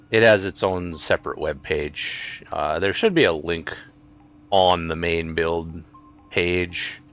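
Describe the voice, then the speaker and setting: A man's voice: deep voice, fairly bright tone, clear, resonant tone. A man streaming a game live, chatting casually in an easygoing, rambling way and chuckling often.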